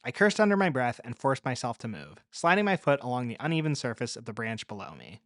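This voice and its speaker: A man narrating a story in the first person with a measured, even read. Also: mid-range voice, dry recording, clean studio sound.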